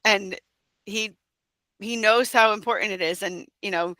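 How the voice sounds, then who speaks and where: A woman's voice: mid-range voice, unhurried, bright, forceful tone, no echo. Woman in her thirties, interview guest, rambling, filler words, dry close sound. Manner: rambling, frequent fillers and restarts. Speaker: guest, direct-sales entrepreneur. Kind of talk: casual interview chat.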